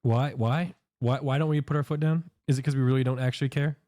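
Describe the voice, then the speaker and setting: A man's voice: medium pitch, fairly even intonation, fast talker, warm tone, no echo, studio quality. A man who is a guest on a stream, asking short questions and reacting in casual chat.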